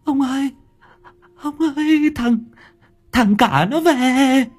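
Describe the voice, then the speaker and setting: A man voicing a panicked, sobbing village wife, wailing in a high, strained voice over faint music. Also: animated, slow pace, exaggerated voice. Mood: wailing, terrified. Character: panicked sobbing old wife, middle-aged woman.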